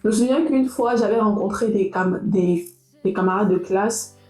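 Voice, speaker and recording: A young adult woman vlogging casually, talking straight to her viewers in a lively, chatty way. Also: medium pitch, moderate pace, echoey room, soft background music, poor audio. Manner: lively, talks directly to viewers. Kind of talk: casual motivational vlog.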